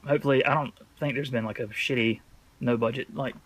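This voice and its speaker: A man's voice: mid-range voice, fairly even intonation, a little fast, rough recording. A man casually reviewing horror movies in a rambling, jokey, slangy way with heavy cursing. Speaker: horror film collector presenting a video.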